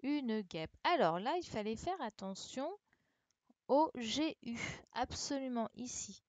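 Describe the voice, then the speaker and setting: A woman's voice: fairly high pitch, lively intonation, takes it slowly, darkish tone, dry recording. A woman teaching an online class, patiently spelling out letters and checking that her pupils follow. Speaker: primary school teacher. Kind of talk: online class, correcting a dictation. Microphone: computer mic on a video call. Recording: dull, lo-fi sound.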